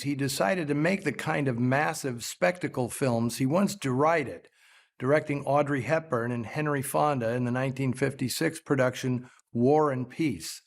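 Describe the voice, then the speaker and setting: Male film host, mid-pitched voice, scripted commentary, measured and articulate storytelling.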